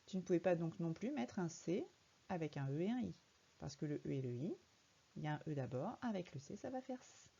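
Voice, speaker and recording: A woman's voice: lowish voice, big pitch swings, brisk, vocal fry, dark tone, slightly rough, lo-fi sound. A woman teaching a young child to read in a recorded lesson, patiently spelling words out letter by letter. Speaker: primary school teacher.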